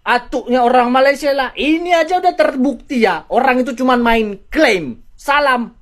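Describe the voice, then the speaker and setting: A woman chats through the football news in a gossipy, mocking way, slipping into little acted quotes. Her voice sits high for a woman. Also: normal speed. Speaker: football commentator. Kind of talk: casual commentary.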